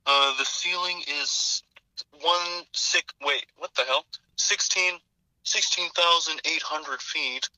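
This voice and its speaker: A man's voice: a little high, takes it slowly, bright, forceful tone, dry recording, full character voice, poor audio. A man doing a mock-dramatic movie-star voice while reading out a weather report. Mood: deadpan.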